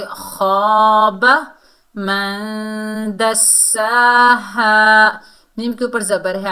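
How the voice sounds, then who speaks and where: Woman tajweed teacher, bright clear tone, patient step-by-step explaining. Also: lowish voice. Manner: explains rules step by step, then recites words slowly and drawn out. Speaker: Quran recitation teacher. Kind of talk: tajweed lesson, explaining and reciting.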